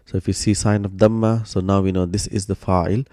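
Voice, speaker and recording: A man teaching a grammar lesson in a low, mellow voice. He explains patiently and step by step, leaning on "so" and "uh" as he goes. The sound is dry and close, with no room around it. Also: level tone, fairly quick, no room sound.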